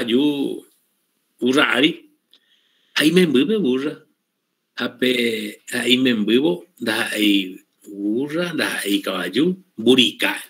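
A man teaching an online Guaraní language class, explaining patiently and repeating words slowly for his students. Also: lowish voice, sharp tone.

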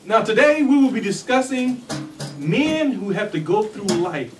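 A man's voice: high voice, sing-song, unhurried. A man playing a talk-show doctor host in a comedy sketch on a small club stage, hyping the crowd with showy patter into a handheld mic. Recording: far camera, crowd loud behind.

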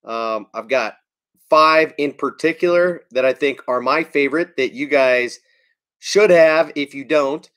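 A man's voice: on the high side, a little slow, a bit bright. A man in his thirties hosting a casual fishing livestream from home, chatting easily and greeting viewers by name.

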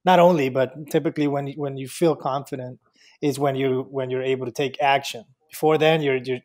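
A man hosting a podcast interview, talking loosely with halting restarts. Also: medium pitch, steady tone, a little mellow. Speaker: podcast host. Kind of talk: casual interview chat.

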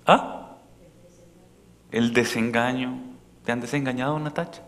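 Priest preaching in a reverberant church. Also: male voice, medium pitch, steady tone, a little slow. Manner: questions the congregation directly, shifting from loud to soft.

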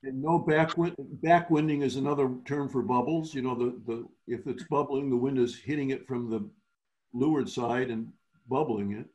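A man's voice: mid-range voice, fairly even intonation, moderate pace, darkish tone. A man instructing newer sailors in a virtual clinic, explaining step by step and often restarting his phrases. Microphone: video call.

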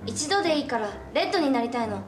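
Casting: dreamy pink schoolgirl ranger, high childlike voice, earnest, TV hero parody, echoey. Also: animated, fast talker. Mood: wishful. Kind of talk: live-action TV hero parody acting. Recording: echoey sound, music behind.

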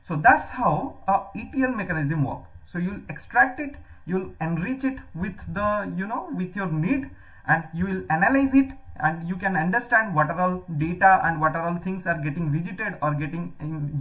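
A woman's voice: medium pitch, expressive, moderate pace, fairly bright tone, low-quality recording. A woman teaching a slide-based tech lecture, explaining each term step by step and often restating it with "that means". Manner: explanatory, repeats "that means", self-corrects. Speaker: cloud computing instructor. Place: voice-over on slides.

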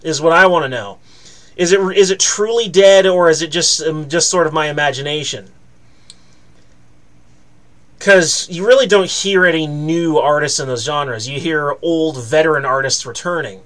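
A man's voice: fairly high pitch, moderate pace, fairly bright tone. A man hosting a music reaction video, talking in a casual, rambling and self-mocking way with frequent fillers.

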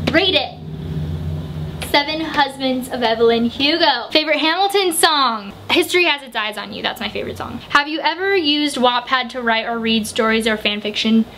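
A woman in her twenties from the United States, reading out viewer questions and answering them quickly in a casual home vlog. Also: sits high, fairly bright tone, slight background noise. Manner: chatty, quick answers, reads questions aloud. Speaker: book vlogger. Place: home room with bookshelves, indoors.

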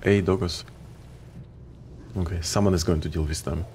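A man with a Ukrainian accent giving relaxed, casual commentary while streaming a game, swearing offhandedly. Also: low voice, normal speed, a little hiss or hum.

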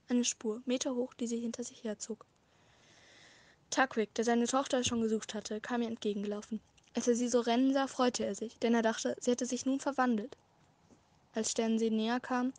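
A woman with a fairly high voice reads a dark fan-written tale aloud. Her reading is measured and dramatic, with small slips. The sound is dry and close. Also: no echo. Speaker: amateur audiobook reader. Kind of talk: scripted storybook narration.

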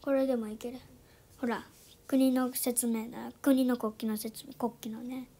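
A woman hosting her own channel, giving a casual app tutorial with lots of fillers and quiet asides. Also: on the high side, level tone, unhurried. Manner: chatty, many fillers, drops into soft asides. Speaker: YouTube channel host.

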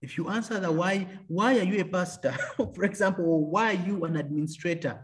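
A man with a high-pitched, slightly fast voice, an engineer who became an entrepreneur, shares stories about his faith and his business during an interview. He laughs a lot and imitates the voices of other people as he tells them.

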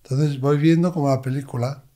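Mellow-voiced man telling lively stories. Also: mid-range voice, fairly quick. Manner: expressive, animated anecdotes. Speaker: medium, interview guest. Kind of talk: conversational storytelling.

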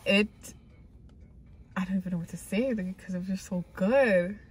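A woman's voice: medium pitch, normal speed. Woman talking through a hand over her mouth. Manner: casual and chatty, trailing off with fillers. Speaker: food vlogger. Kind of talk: casual chat. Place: small restaurant indoors.

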